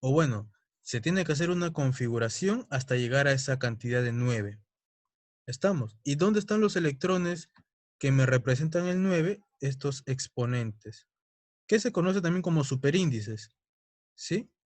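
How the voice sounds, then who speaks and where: A young man tutors chemistry in a recorded online lesson, explaining things step by step and often checking in with his students. His mid-range voice is expressive and a little slow, with no echo.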